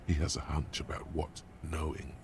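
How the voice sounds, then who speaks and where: A man's voice: very deep voice, flat delivery, moderate pace, gravelly, a little hiss or hum, pitched below the performer's own voice. A man voicing the wry, ominous inner voice of a detective, narrating a video game with drama. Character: brooding inner voice of a male detective.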